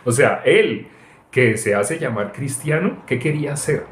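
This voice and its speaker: A middle-aged man preaching an informal sermon, telling personal stories in an animated way with frequent laughs. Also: mid-range voice, measured pace, a little hiss or hum. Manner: animated, tells anecdotes, mocks voices, frequent laughs. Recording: echoey room.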